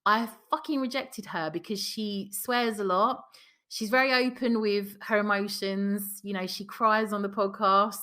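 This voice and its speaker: A woman's voice: medium pitch, steady tone, unhurried, sharp tone. A woman with a South London or Essex accent hosting a podcast, talking frankly and chattily on her own, swearing casually. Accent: South London/Essex English. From South London or Essex, England. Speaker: podcast host. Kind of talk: candid solo podcast monologue.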